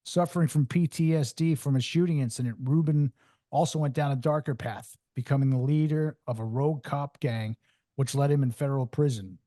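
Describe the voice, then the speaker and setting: A man hosting a podcast, reading a calm scripted intro and then interviewing a guest. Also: medium pitch, fairly quick. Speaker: podcast host.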